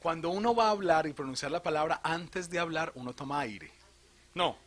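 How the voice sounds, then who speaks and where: A man from Colombia, a priest, giving an animated theology talk to a live audience, asking questions and joking. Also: on the high side, brisk. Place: retreat hall.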